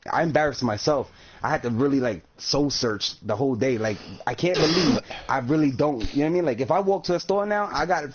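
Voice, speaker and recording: A man in his thirties telling a story in casual, profane chat, animated and ranting as he goes. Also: fairly high pitch, husky. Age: 30s. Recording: dull lo-fi sound with faint noise.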